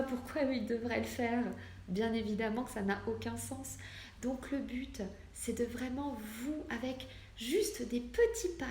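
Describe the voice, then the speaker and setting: Her voice a little high with a darkish tone, a forty-something medium from France, whose family is Portuguese, talks earnestly and emphatically to her online followers, much like a casual motivational vlog. The recording has a roomy echo and clear background noise.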